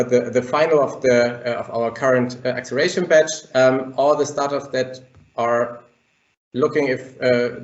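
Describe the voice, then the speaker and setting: Man moderating over an echoey group call. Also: mid-range voice. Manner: halting, restarts sentences with many fillers. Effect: group video call audio. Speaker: webinar moderator. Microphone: computer mic on a video call. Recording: dull, echoey call audio.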